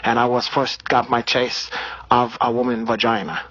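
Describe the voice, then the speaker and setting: A man with a Brazilian accent hosting crude comic banter in halting, repetitive, sweary broken English. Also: mid-range voice, monotone, sharp tone, no room sound. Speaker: comic show host. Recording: dry, dull lo-fi radio sound.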